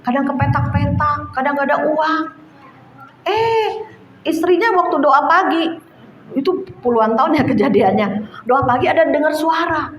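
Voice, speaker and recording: A woman preaching a lively sermon, urging her listeners on and calling them "saudara", often chuckling as she speaks. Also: high voice, normal speed, reverberant, a little hiss or hum. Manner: animated, exhorting, addresses listeners as "saudara".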